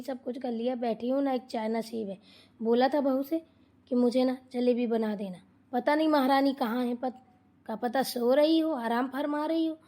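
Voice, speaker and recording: A woman voicing a loud, nagging older mother-in-law in a cartoon, scolding and complaining. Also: sits high. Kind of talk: cartoon voice acting.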